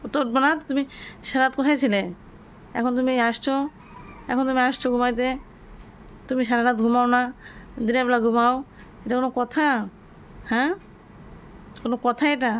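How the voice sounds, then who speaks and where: A woman's voice: a little high, level tone, fairly quick, pauses often, slight background noise. A woman at home talking to her cats in casual chat, scolding and coaxing them in a singsong way. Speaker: pet owner vlogger. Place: home, bedroom.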